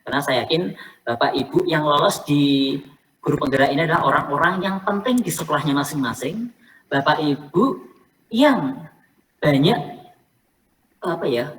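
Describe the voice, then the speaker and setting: A woman's voice: low-pitched, a bit bright. A woman coaching teachers for selection interviews, explaining in a casual way and repeating her key points. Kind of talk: online coaching session talk. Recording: faint noise, somewhat distant from the mic.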